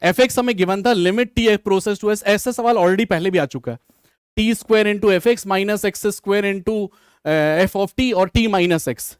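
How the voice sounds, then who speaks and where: A man's voice: high-pitched, a little slow, clear, resonant tone, dry recording, clean studio sound. A man teaching maths in Hindi with English terms, solving an exam question live and talking straight to his students. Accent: Hindi mixed with English maths terms. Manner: addresses students directly, reads comments, thinks aloud. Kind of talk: live online exam solution class.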